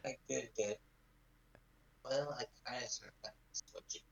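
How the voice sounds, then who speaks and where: A man's voice: mid-range voice, steady tone, measured pace, gravelly, breathy edge, lo-fi sound. A man co-hosting a casual chat over an online call, his audio faint and crackly and cutting in and out, with mumbled, broken-off replies. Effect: faint crackly call audio that keeps cutting out. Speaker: podcast co-host.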